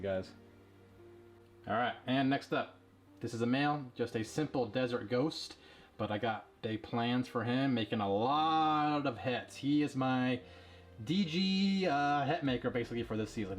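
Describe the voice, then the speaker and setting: Easygoing male hobby breeder, mid-pitched, chatty and fast, faint music underneath. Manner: quick, rambling, casual with fillers. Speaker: ball python breeder. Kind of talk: casual vlog showing animals.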